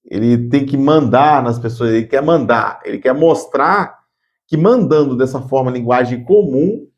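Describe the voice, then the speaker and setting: A man's voice: mid-range voice, moderate pace, highs cut off. A man giving an earnest spoken lesson on workplace communication, often repeating words as he thinks. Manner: acts out curt bossy phrases as examples.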